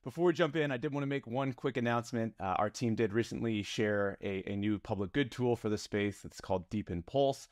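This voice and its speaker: A man's voice: medium pitch, brisk, hardly any pauses, no echo, clean studio sound. A man hosting a podcast, introducing his guest in an upbeat, friendly way. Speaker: podcast host.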